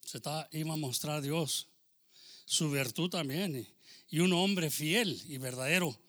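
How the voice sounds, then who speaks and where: His voice is a little high, a little slow, and fairly bright as he delivers a sermon of growing intensity. Calls of "hermano" and "aleluya" pepper his preaching, along with occasional English phrases.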